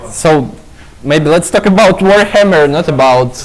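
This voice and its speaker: A man, co-hosting live commentary on a tabletop wargame, talking in a halting way with many fillers. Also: fairly high pitch, animated, low-quality recording. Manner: hesitant, filler-heavy, halting. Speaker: co-host commentator.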